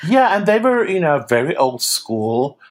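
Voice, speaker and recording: A man's voice: a little high, sing-song, a little slow. Chatty man from Norway, laughing easily. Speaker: podcast guest. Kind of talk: casual interview chat.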